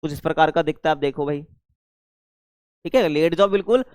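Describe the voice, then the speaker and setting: Chatty male teacher, smooth dry voice. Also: fairly high pitch, fairly quick, darkish tone, no room sound. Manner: chatty, keeps checking understanding, calls students 'bhai'. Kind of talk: casual classroom explanation.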